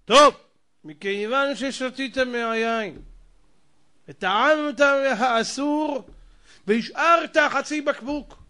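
A man telling a parable in a sermon, animated and dramatic, chuckling as he goes. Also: very high voice. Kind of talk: storytelling sermon.

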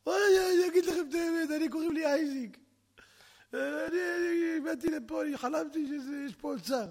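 A man's voice: very high-pitched, a little mellow, pitched above the performer's own voice. A man voicing a poor, frightened dreamer who stammers and pleads with armed guards in a told story. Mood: fearful pleading.

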